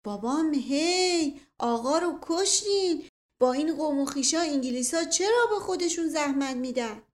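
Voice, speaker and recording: A woman voicing a rustic old male servant in a storybook who talks loudly in a folksy, rambling way. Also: high-pitched, expressive, pitched above the performer's own voice. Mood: agitated.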